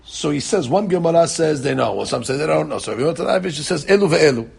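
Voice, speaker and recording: Gravelly man teaching a Talmud class. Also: fairly high pitch, fast. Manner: animated, repeats words, acts out quoted people. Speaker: Torah teacher.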